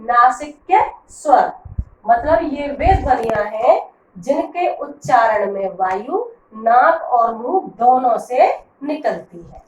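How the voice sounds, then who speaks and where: Woman teacher, high voice, unhurried, patient, repeats questions, echoey room heard from a distance. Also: animated, dull audio, slight background noise. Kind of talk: classroom grammar lesson.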